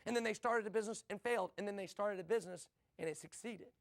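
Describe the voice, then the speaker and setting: A middle-aged man from the USA delivers a motivational business talk. His voice sits high and has a gravelly edge, and he drives his points with rhetorical questions and short repeated lines. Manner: rhetorical questions and quick punchy repetition. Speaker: business speaker.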